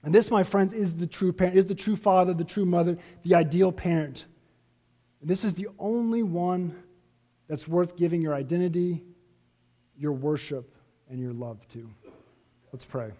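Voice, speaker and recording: A man preaching a sermon as pastor, earnest, pressing his points and then letting them fall away softly. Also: high-pitched, normal speed, pauses often. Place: church sanctuary. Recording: reverberant church hall.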